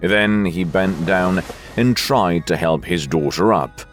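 A man reads a story aloud slowly in a very deep voice. His pitch moves expressively, and faint music plays behind him. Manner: slow, expressive reading. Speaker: narrator. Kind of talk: storytelling narration.

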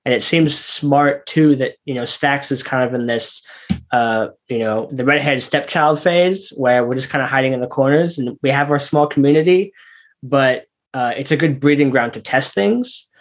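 A man's voice: medium pitch, normal speed. A man in a casual interview chat, talking like a tech bro with lots of "like" and "you know".

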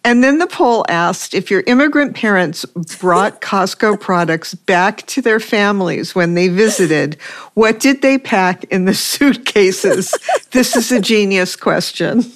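A woman host keeps the interview moving with curious questions. She sounds friendly and laughs easily. Her voice sits at an ordinary middle pitch. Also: unhurried. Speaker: radio host.

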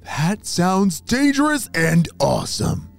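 An eager young boy spy, pitched high and bursting with excitement, as a man puts him on. The voice leaps up and down wildly. Faint music plays underneath. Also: takes it slowly, gravelly, heavily acted. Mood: excited. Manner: eager, breathless exclamations.

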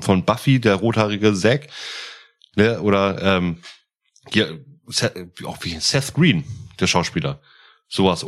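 A man co-hosting a casual podcast, telling lively anecdotes with casual swearing. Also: on the low side. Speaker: podcast co-host.

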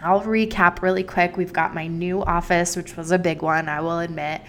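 A woman's voice: lowish voice, steady tone, moderate pace. A young adult woman hosting her solo podcast, chatty and enthusiastic with playful emphasis. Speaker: podcast host.

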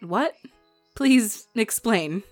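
A woman's voice: a little high, lively intonation, extremely slow, no echo, soft background music. A woman playing a sardonic but supportive farmer's wife in an audio story, with a dry, skeptical manner. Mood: incredulous. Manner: dry, sarcastic.

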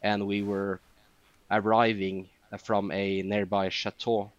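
A man's voice: lowish voice, flat delivery, slow pace, no room sound, dull audio. A man chatting as a podcast guest, telling long rambling stories with many fillers. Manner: rambling storytelling with frequent fillers. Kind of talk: casual podcast chat.

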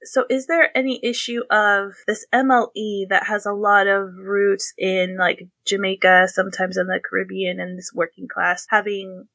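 Bright, animated American woman host. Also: mid-range voice, moderate pace, creaky, hardly any pauses, no echo. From United States. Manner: animated, laughs often, rising questions. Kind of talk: casual chat.

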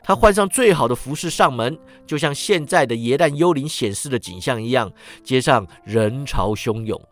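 A man narrating a classic story for a storytelling podcast, reading in a lively, expressive way. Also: medium pitch, moderate pace, soft background music.

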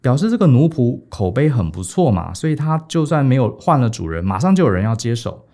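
A man voicing a calm, clever male minister who argues his case in a composed, persuasive way. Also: medium pitch, a little fast.

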